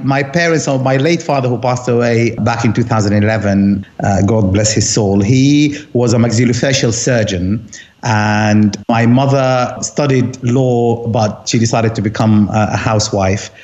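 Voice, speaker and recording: A man's voice: medium pitch, moderate pace, darkish tone, muffled recording. A man from Sudan, a doctor in his fifties, speaking as an interview guest in a thoughtful conversational way, with frequent restarts. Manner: thoughtful, many restarts and fillers.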